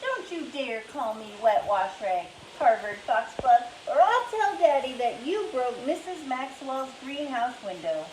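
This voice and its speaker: A woman's voice: high-pitched, sing-song, unhurried, hardly any pauses, darkish tone, roomy sound, slight background noise, pitched above the performer's own voice. Woman doing a wailing, whiny little girl. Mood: indignant. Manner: wailing, sulky. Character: whiny little girl who cries floods.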